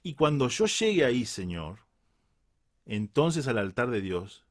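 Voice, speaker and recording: A man's voice: medium pitch, big pitch swings, measured pace. A man with a Uruguayan Spanish accent preaching a reflective Bible sermon, earnest and repeating key phrases for emphasis.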